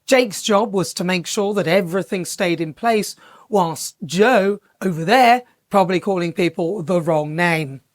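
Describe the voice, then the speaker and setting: A woman's voice: lowish voice, a little slow, no room sound. Sarcastic woman presenter. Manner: sarcastic, mocking, punchy delivery. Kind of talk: scripted satirical monologue.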